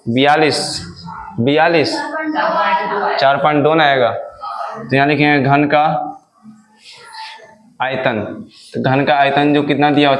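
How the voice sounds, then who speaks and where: A male maths teacher, giving a classroom lesson and asking questions he answers himself. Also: a little high. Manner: asks questions and answers them himself, repetitive drilling. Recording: echoey room.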